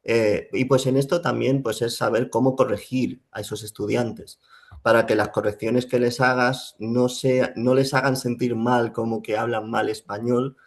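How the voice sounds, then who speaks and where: A young man talks it over in an interview. His gravelly voice sits at a middle pitch. He thinks aloud and often restarts his sentences. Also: fairly even intonation, normal speed. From Spain. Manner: reflective, many fillers and restarts. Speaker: Spanish teacher, guest. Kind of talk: casual interview talk.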